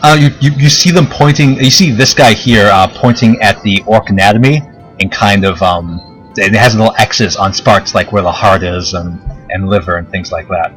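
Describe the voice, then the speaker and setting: A man's voice: lowish voice, moderate pace, fairly bright tone. A man running a tabletop game as game master, narrating casually in a hesitant, chatty, jokey way. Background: background game music.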